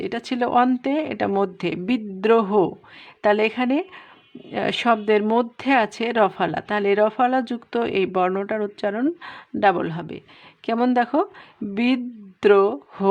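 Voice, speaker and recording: A woman teaching a pronunciation lesson, explaining rules step by step and drawing out each example word slowly. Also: a little high, dull audio. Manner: patient, explains step by step, drawn-out example words. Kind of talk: spoken lesson.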